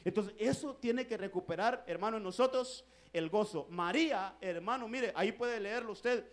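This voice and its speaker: A pastor delivers a sermon to his church in a notably high voice for a man. He speaks earnestly, calls his listeners brothers again and again, and builds louder and slower on his main points. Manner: earnest preaching, repeating "hermano" often.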